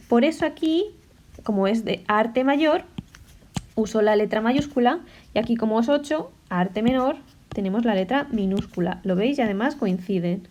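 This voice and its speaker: A woman teaches a class in a relaxed, warm voice that sits a little high. She explains patiently and stops often to check that her students follow. She also sounds out word endings slowly. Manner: patient, checks understanding with short questions. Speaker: language teacher.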